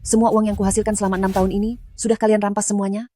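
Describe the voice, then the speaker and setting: An actress playing a struggling young single mother who speaks gently to her son. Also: mid-range voice, little pitch movement, very fast, faint music behind, close to an everyday voice. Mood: bitter. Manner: gentle, pleading. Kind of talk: dubbed drama acting.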